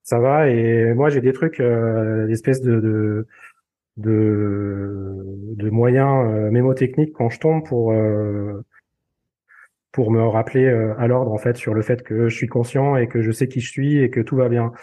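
A man tells a story in a relaxed podcast chat and keeps stumbling over fillers and repeated words. His voice sounds mellow and dark, at a middle pitch. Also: measured pace. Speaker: podcast guest. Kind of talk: casual storytelling.

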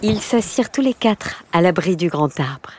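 Low-voiced woman narrating a storybook. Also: expressive, moderate pace, darkish tone, slight background noise.

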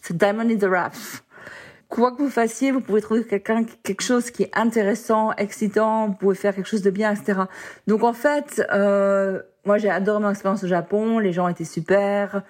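Telling the story of her career in a relaxed interview, an executive guest in her fifties speaks at a moderate pace with a medium-pitched, steady, darkish voice. Chatty throughout, she peppers her speech with English words and frequent "en fait".

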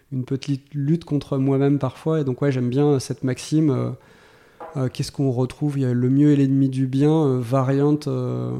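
Gravelly-voiced man musing in an interview. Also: medium pitch, dark tone. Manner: thoughtful, many hesitations and restarts. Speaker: guest, tech executive. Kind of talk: casual interview talk.

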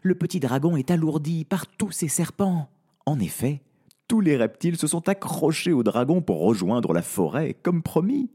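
A man narrating a children's audio story in a playful, expressive way. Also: on the high side, normal speed, breathy edge.

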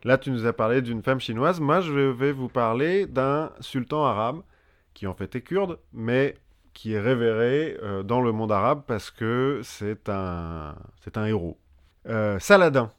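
A man's voice: medium pitch, lively intonation, unhurried. A man co-hosting a casual history podcast, chatty and joking, often restarting his sentences with fillers. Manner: joking asides. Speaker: podcast co-host.

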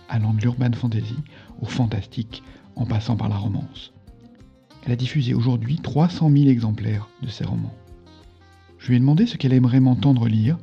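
A man hosting a podcast, reading a novel aloud in a calm, even way. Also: mid-range voice, gravelly, dull audio. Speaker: podcast host.

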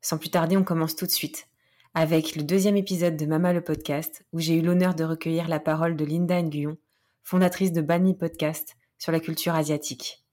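A woman's voice: low-pitched, flat delivery, brisk. A woman, hosting a podcast interview, hesitant and laughing often. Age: 30s. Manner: hesitant, warm thanks with frequent laughs and fillers. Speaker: podcast host.

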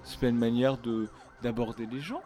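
A man's voice: medium pitch, moderate pace, warm tone, soft background music, pitched below the performer's own voice, lightly acted. A man playing a flustered elderly robbery victim who stammers and protests politely.

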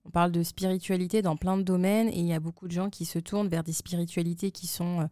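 A woman co-hosting a podcast, explaining things in a measured way with frequent hesitations. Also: on the low side, steady tone, dark tone, no echo, clean studio sound. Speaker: podcast co-host. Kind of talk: casual podcast chat.

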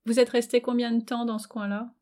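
A woman hosting an interview, asking relaxed questions with playful follow-ups. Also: fairly high pitch, fairly quick. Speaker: interviewer host. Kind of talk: casual conversational interview.

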